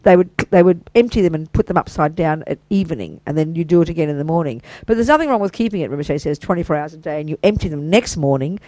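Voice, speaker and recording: An older Buddhist teacher talking informally to a small group, gushing with enthusiasm and throwing in asides and praise. The voice sits at a middling pitch and sounds dry and close, with no room echo. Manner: chatty and enthusiastic, full of warm praise and asides.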